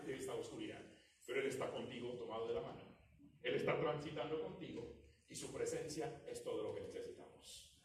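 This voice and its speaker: A man preaching a sermon as pastor, dropping to quiet low passages and then rising to loud exclamations, sometimes mocking complaints in a put-on voice. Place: church sanctuary. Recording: very echoey church hall, mic far off, faint noise.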